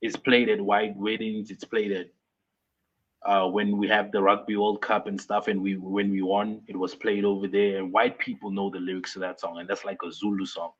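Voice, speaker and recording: A man's voice: lowish voice, level tone, moderate pace, husky. A young man from South Africa, a guest artist on a video call, explains things casually with lots of fillers and restarts. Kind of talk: casual interview chat. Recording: muffled lo-fi remote audio.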